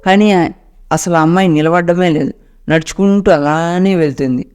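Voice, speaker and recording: Clear-voiced man telling a ghost story. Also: on the high side, normal speed, darkish tone. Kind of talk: first-person ghost story narration.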